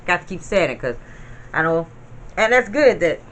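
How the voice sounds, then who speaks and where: Her fairly low voice has a sing-song lilt, a moderate pace, and a fairly bright tone. She's a grandmother in her fifties vlogging from home, chatty and rambling as she speaks directly to her audience.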